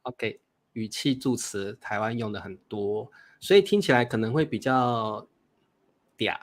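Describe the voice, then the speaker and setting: A man's voice: lowish voice, a little slow. A middle-aged man from Taiwan with a Taiwanese Mandarin accent, co-hosting a casual chat and laughing often as he demonstrates speech. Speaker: co-host.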